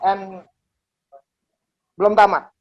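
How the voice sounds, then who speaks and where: A preacher giving a casual youth sermon, switching between slang and English phrases and stressing words with sudden jumps in pitch. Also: flat delivery, extremely slow. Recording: dull lo-fi recording.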